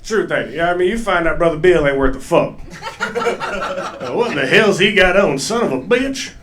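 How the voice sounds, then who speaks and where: A male stand-up comedian with works a club stage. His voice sits a little high, and he talks loosely and profanely, laughing through his own stories. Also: animated, brisk, fairly bright tone. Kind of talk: stand-up set.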